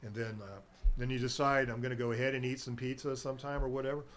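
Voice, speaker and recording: The herbal nutrition seller keeps a level tone and quick pace, his mid-range voice a bit bright, over slight background noise. A chatty middle-aged radio guest, he meanders through a casual local-show conversation and laughs easily.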